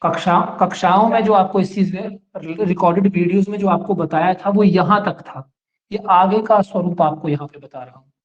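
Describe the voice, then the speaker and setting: Male teacher, high pitch, patient step-by-step exam-prep lecturing, muffled lo-fi recording. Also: fairly even intonation, moderate pace. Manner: explains step by step and checks that students follow.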